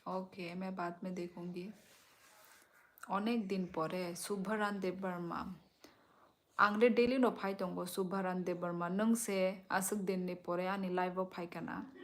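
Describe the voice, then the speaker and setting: Slow-talking young woman chatting on a live stream. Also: steady tone. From Tripura, India. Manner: chatty, sways while talking, lowers voice to keep it down. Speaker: live-stream host reading comments. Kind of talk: casual live-stream chat. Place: small room at home at night. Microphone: phone held or propped close.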